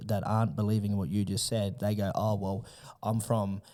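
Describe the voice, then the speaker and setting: A low-voiced man from Australia speaks as a podcast guest. His tone is mellow and dark, and he talks earnestly, stumbling and restarting his sentences. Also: little pitch movement. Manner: earnest, halting, repeats words. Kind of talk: casual podcast conversation.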